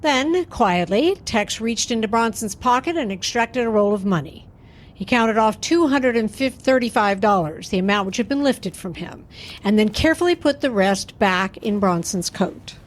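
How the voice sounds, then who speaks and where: A woman narrating a radio drama with clear, measured storytelling. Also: fairly high pitch, expressive.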